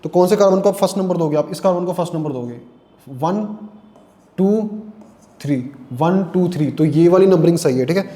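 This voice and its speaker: Male tutor, high mellow voice, tired, self-quizzing lecture style, echoey room. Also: a little fast. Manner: repeats questions and answers them himself; speaks Hindi mixed with English terms. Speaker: chemistry teacher. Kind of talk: classroom lecture.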